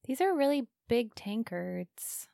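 Woman playing sheltered young adventuress, tabletop role-play, timid, flustered, halting, higher voice, close dry sound. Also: very animated, gravelly, warm tone, no echo, full character voice. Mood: unsure.

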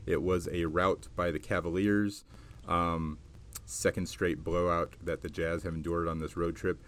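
A man hosting a sports podcast in a conversational way, with measured, wordy phrasing. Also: low-pitched, little pitch movement. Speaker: podcast host and sports reporter.

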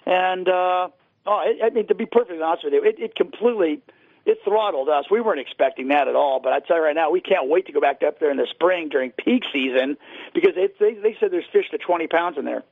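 A man's voice: on the high side, fast, no echo. A man chatting casually and at rambling length as a radio guest over a tinny phone line. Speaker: interview guest, angler. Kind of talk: casual radio interview chat. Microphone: phone call.

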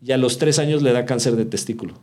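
A man's voice: medium pitch, fast. Slangy Mexican man telling stories. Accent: Mexican Spanish. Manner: slangy, animated, acts out quoted dialogue. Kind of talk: casual storytelling chat.

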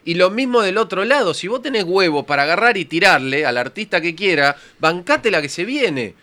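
An Argentine man argues with heat and crude, repetitive emphasis on a streamed panel. His voice sits fairly high and rings bright. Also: big pitch swings, a little fast. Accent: Argentine Spanish. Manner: vehement, crude, repetitive ranting. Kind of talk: heated panel debate.

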